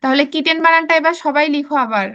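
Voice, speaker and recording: Preschool teacher, woman, Bangladeshi Bengali accent, high voice, patient slow spelling drills, muffled recording. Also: a bit bright. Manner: slow drilled spelling, coaxing children to repeat. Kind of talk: classroom lesson, spelling aloud.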